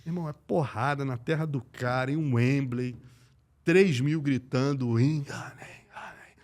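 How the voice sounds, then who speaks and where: A man from Brazil, an MMA journalist, telling stories in a lively, slangy way on a casual podcast. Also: medium pitch, normal speed. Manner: animated, slangy, acts out quoted voices.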